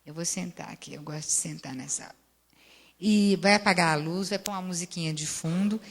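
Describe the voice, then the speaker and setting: A woman's voice: fairly low pitch, fairly quick. A woman with a Brazilian accent, a therapist giving a lecture and telling case stories, who often acts out the dialogue and keeps checking in with "né?". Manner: lively storyteller, acts out dialogue, frequent "né?" tags. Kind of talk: lecture with anecdotes, audience Q&A. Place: lecture hall. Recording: long hall reverb.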